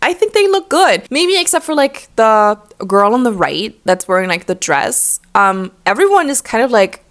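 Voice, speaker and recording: A young woman in her twenties talks in a loose, chatty way, packing her lines with "like" fillers. Her voice sits a little high. She gives blunt, opinionated takes in an easygoing vlog manner. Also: sing-song, normal speed, few pauses, fairly bright tone. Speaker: YouTuber. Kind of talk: casual chat. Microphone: laptop.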